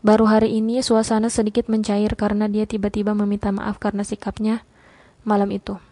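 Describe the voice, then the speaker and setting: Female narrator and channel host; expressive first-person novel reading, mellow tone. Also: medium pitch, fairly quick, no room sound. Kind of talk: reading her own novel aloud.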